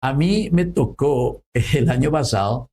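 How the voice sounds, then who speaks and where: Husky-voiced priest in his sixties. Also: mid-range voice, animated, measured pace, mellow. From Paraguay. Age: 60s. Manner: storytelling, acts out quoted people with jokes. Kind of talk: interview conversation.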